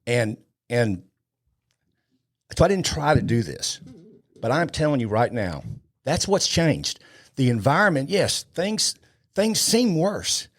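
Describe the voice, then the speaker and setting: A man in his fifties, a law enforcement trainer appearing as a podcast guest, talks bluntly and with passion. His mid-range voice has a sing-song lilt, moves slowly and pauses often, and he repeats phrases for emphasis.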